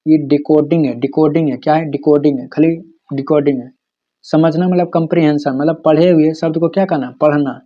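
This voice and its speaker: Lecturing ahead of an exam, a male teacher repeats key terms over and over so they stick, then asks the class a question and supplies the answer himself. He has a fairly high but mellow, soft-edged voice, captured in a dull, lo-fi recording.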